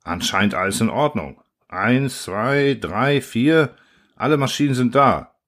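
A man's voice: mid-range voice, animated, takes it slowly, a bit bright, voice pushed up. A man voicing a shaken male expedition officer reporting over the radio, breathless and agitated. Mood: tense.

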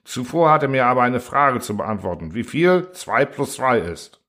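A man voicing a menacing giant iron machine, booming and commanding. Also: sing-song, moderate pace, fairly bright tone.

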